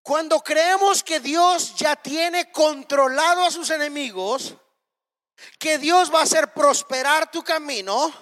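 Impassioned high-voiced preacher. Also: male voice, bright, forceful tone, big-room sound. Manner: impassioned, rhetorical questions, emphatic repetition. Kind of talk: sermon.

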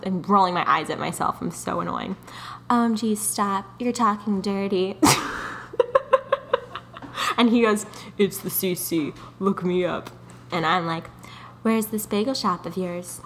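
A young woman co-hosting a podcast, telling a dating story in a casual, animated way, often laughing and mocking herself. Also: medium pitch, a little slow, a little hiss or hum. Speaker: podcast co-host.

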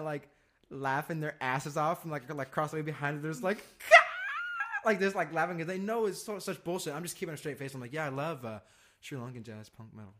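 A man's voice: on the high side, a bit bright. A young adult man co-hosting a podcast, telling a long story in a loose, profane way full of fillers. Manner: laid-back, profane, rambling with fillers. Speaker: podcast co-host. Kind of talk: casual storytelling chat.

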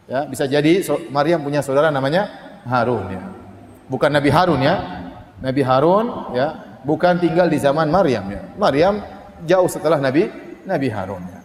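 A man preaching a sermon, telling a story in a lively way, acting out the voices of the people in it and chanting Arabic verses slowly. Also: on the high side. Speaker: Islamic preacher. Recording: echoey hall reverb.

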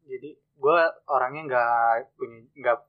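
A young man speaks calmly among friends. He lays out his view plainly and steadily. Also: mid-range voice, unhurried, dull audio. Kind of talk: casual chat among friends.

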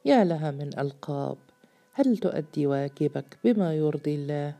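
A woman's voice: deep voice, animated, normal speed, dark tone, soft background music. A woman voicing a stern, mocking male jinn freed from a bottle, speaking with severe, scornful preaching. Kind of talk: storybook reading.

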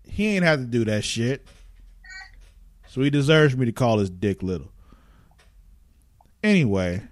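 A man's voice: mid-range voice, dry recording. A man co-hosting a podcast, casually recapping TV episodes in loose, profane storytelling. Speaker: podcast co-host.

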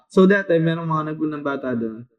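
A young man from the Philippines chats and tells a story among friends, full of fillers and asides. His voice sits a little high. The recording is muffled and lo-fi, with some echo. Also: brisk. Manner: storytelling, lively, with many fillers. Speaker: podcast co-host. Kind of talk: casual chat. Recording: dull lo-fi echoey sound.

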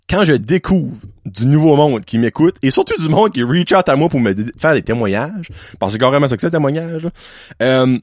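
Lively chatty podcast host. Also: male voice, on the high side, no room sound, clean studio sound. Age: 30s. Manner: chatty, mixes English words into French, playful. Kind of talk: casual solo podcast chat.

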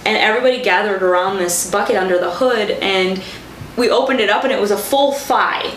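A woman's voice: mid-range voice, a little fast, a bit bright. A woman in her twenties from Kuwait, a microbiologist, chatting casually as an interview guest and laughing easily. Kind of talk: casual conversation. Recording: roomy echo, faint background noise.

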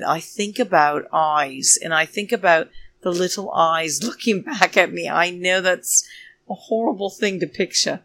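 A woman with a low-pitched voice hosts a chatty solo podcast, recorded very dry and close. She speaks slowly and theatrically, drawing out her phrases. She addresses listeners as darlings and drifts into digressions. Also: vocal fry, a bit bright, dry recording. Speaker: podcast host.

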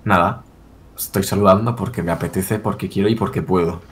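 A man's voice: low voice, fairly even intonation. A man from Spain co-hosting a casual chat, joking and swearing as he talks. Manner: profane, joking, quick to mock. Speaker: podcast co-host.

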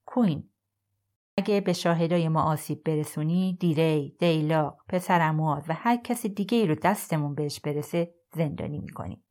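A woman's voice: low voice, a little mellow, lightly acted. A woman reading an audiobook, voicing a male government lawyer who tries to sound threatening.

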